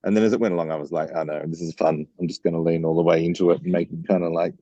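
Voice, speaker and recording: Deep, dark bass-baritone man. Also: fairly even intonation, very fast, dry recording, lo-fi sound. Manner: chatty, storytelling with many fillers. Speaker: guest songwriter. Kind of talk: casual interview chat.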